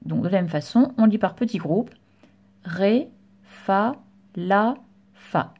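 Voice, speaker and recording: Woman music teacher, mellow voice, patient step-by-step solfège lesson, chanting syllables. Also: mid-range voice, lively intonation, takes it slowly. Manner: patient, explains step by step, chants note names and rhythm syllables.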